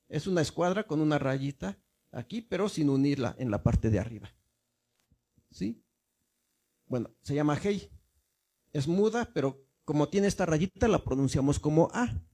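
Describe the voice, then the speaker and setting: A man's voice: on the high side, expressive, moderate pace, long pauses, dark tone. A male minister giving a teaching sermon, explaining step by step and often asking the congregation if they follow. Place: church.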